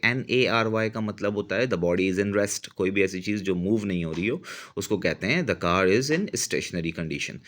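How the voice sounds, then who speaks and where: A middle-aged Pakistani man with a lowish, fairly bright voice teaches English vocabulary. He explains patiently, repeating words to model how they're pronounced, and corrects himself mid-sentence as he goes.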